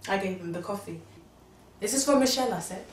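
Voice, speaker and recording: An actress playing a young married, pregnant woman, animatedly recounting events to her mother, at times exclaiming and at times hushed. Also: medium pitch, fast talker, natural voice. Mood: worried. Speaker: daughter confiding in her mother. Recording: distant, roomy sound with faint background noise.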